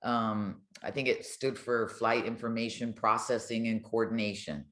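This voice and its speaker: Her pitch is extremely low, her tone steady and fairly bright, and she talks at normal speed in a reverberant space. She's an older woman and retired air traffic controller, swapping stories casually as a podcast interview guest.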